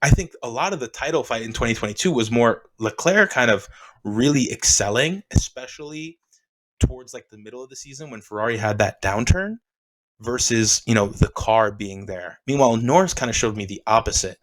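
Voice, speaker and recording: A man's voice: mid-range voice, a little fast, low-quality recording. Opinionated man on a casual sports podcast. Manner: opinionated, animated, says "dude". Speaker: podcast co-host.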